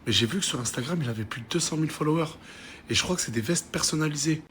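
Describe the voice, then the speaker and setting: A man's voice: a little high, very fast, a bit bright, slight background noise. A man hosting a casual vlog, chatting in French suburban street slang. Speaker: host of the vlog. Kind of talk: casual spoken vlog chat. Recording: crowd chatter behind.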